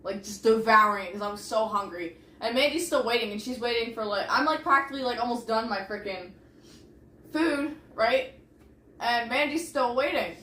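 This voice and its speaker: Young woman, bright tense voice, excitable ranting, filler-heavy, echoey room. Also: a little high, normal speed. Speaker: podcast co-host. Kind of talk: casual chat. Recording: echoey room with faint hiss.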